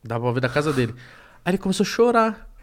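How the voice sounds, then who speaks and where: Male guest, fast and lively storyteller, slightly high. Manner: animated storyteller, acts out quotes. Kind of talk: casual chat.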